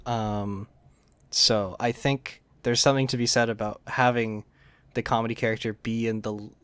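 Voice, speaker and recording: A man's voice: lowish voice, steady tone, normal speed, a bit bright, clear, resonant tone, no echo. A man hosting a casual chat, talking informally and circling back to rephrase himself. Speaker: podcast host interviewing a fellow player.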